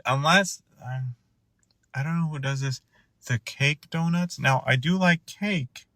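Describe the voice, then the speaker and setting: Man for a rambling comic bit: bright, fairly high voice, exasperated and self-interrupting. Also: no echo. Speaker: comedian. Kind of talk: rambling stand-up style monologue.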